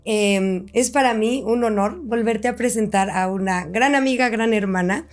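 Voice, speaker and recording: A woman's voice: fairly high pitch, normal speed, soft background music. A woman hosting a casual podcast, friendly and promotional, with many fillers. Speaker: podcast host.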